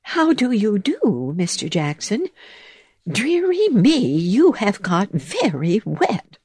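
A woman's voice: medium pitch, huge pitch swings, takes it slowly, a little mellow, slightly rough, dry recording, voice pushed up, heavily acted. A woman voicing a fussy, very tidy little female mouse in a storybook reading, prim and scolding. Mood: polite.

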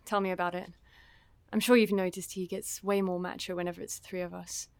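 A woman's voice: lowish voice, little pitch movement, brisk, dry recording, close to an everyday voice. A woman playing a weary, sighing young woman. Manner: sighing and weary, turning sharp and frightened. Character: weary young woman trapped in a love triangle. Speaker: actor in an audio drama.

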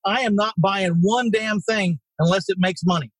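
A man's voice: high voice, moderate pace, dry recording, low-quality recording. A middle-aged man, a guest on a real estate podcast, telling stories bluntly with some salty language. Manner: blunt and salty, with mild swearing. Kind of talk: casual interview storytelling.

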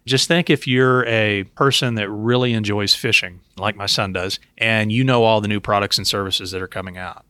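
Low-voiced man hosting an advice podcast. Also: fairly even intonation, moderate pace, hardly any pauses, pushed and bright, no room sound. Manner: explanatory, addresses listeners and co-host directly. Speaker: podcast host and investment professional. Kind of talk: podcast talk giving investment advice.

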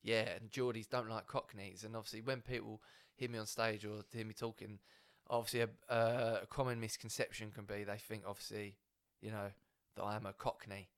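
A man's voice: lowish voice, little pitch movement, brisk, hardly any pauses, no echo, studio quality. A man from Essex with an Essex accent, a stand-up comic chatting casually on a podcast in a rambling, matey, sweary way. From Essex, England. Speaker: stand-up comedian, podcast guest.

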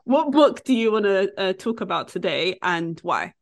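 A woman's voice: mid-range voice, very animated. A woman hosting a podcast, talking casually with a friend and often searching for her words. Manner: chatty, searches for words with fillers and quick apologies. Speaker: podcast host.

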